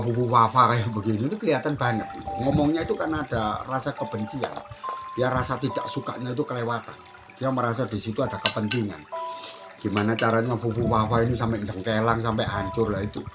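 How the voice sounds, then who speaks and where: A middle-aged man with an East Javanese accent gives a spiritual advice talk as a teacher, repeating his points and admonishing the listener directly. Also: medium pitch. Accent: East Javanese Indonesian. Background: music.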